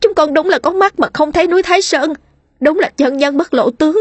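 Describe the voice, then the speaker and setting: A woman's voice: sits high, brisk, no room sound, pitched above the performer's own voice, close to an everyday voice. A woman voicing grateful village parents who gush with thanks. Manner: gushing.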